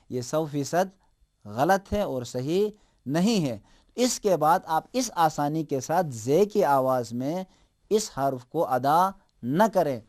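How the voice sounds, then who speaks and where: A man gives a tajweed lesson in a somewhat raised voice. He explains steadily, then stretches example words out slowly and loudly so learners can copy them. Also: a little high. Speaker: Quran recitation teacher.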